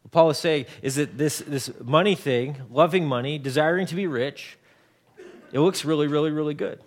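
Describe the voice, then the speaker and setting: A man's voice: fairly high pitch, normal speed. A man in his forties preaching a conversational sermon, often repeating words and mixing in homely everyday examples. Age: 40s. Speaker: pastor.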